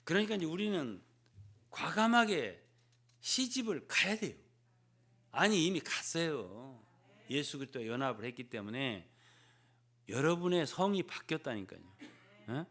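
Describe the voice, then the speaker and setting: An older man, a pastor, preaching a sermon in an animated way, often turning to the congregation with quick questions and acting out prayers and conversations. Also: fairly high pitch. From South Korea.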